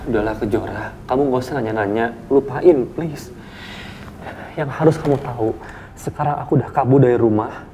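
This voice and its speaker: A man's voice: medium pitch, fairly quick, warm tone, a little hiss or hum, lightly acted. A man playing Raka, a pleading evasive boyfriend. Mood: weary pleading. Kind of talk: TV soap drama acting.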